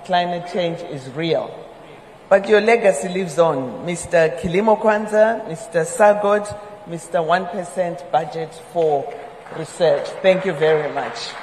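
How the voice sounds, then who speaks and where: A man moderating a conference panel, brisk and emphatic, pressing the speakers on time. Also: sits high, a little hiss or hum. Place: large conference hall. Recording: echoey hall, faint crowd.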